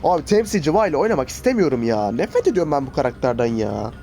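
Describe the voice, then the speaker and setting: A man's voice: medium pitch, big pitch swings, fast, warm tone. A young man casually commenting on his own gameplay, often frustrated and exclaiming at the fight. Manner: frustrated, swearing, exclaiming at the game. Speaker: gaming YouTuber.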